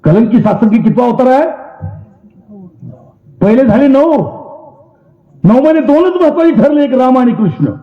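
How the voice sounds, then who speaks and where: A man delivers an emphatic devotional sermon, pressing his points with insistent repetition. His voice sits very high for a man. It rings around a roomy hall and comes through a dull, muffled recording. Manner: emphatic, preaching with rising and falling intensity. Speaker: preacher. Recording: roomy, dull low-fidelity sound.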